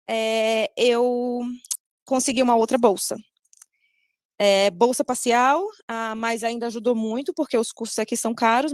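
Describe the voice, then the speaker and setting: Speaking to students via video call, this young Brazilian woman from Maranhão shares advice as a guest, her accent Brazilian Portuguese and her pitch somewhat high. She hesitates a lot, leaning on fillers and stopping to fix what she's said in a relaxed way. There's no room echo; the audio is close and dry.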